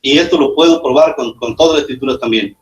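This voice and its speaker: A man, a pastor, arguing in a debate, hesitant with many fillers and sudden jumps in pitch. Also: fast talker. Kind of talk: spontaneous debate argument. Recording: echoey room.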